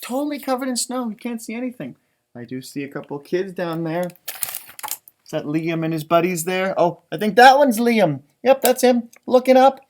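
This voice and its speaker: An American elementary music teacher reads a picture book aloud to young children, his high voice moving at a moderate pace with a teacher's expressiveness. He stretches out key words for emphasis and drifts between the printed story and chatty asides, keeping his explanations simple for small listeners.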